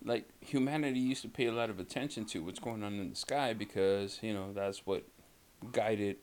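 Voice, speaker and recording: A man's voice: lowish voice, moderate pace. A man co-hosting a casual podcast, talking in a rambling, profane way and swearing constantly. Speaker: podcast co-host. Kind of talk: casual chat.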